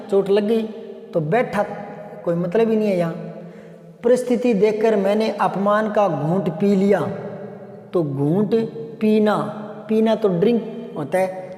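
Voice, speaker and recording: High-voiced man teaching grammar, echoey room. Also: dark tone. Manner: explanatory, repeats example sentences. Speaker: Hindi teacher. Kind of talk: grammar lesson. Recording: echoey room with long reverb.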